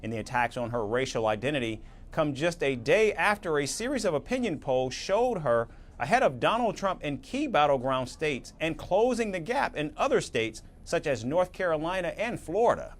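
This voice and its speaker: A man anchoring a news report, reading a script in a measured, even-toned way. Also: on the high side.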